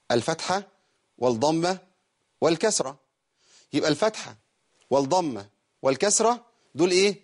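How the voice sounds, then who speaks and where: A man with an Egyptian Arabic accent teaching Quran recitation on a program. He poses rhetorical questions, then answers them himself, and slowly stretches out words to show how they should be recited. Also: fairly high pitch. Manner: slowly draws out words to model correct recitation. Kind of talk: televised Quran recitation lesson.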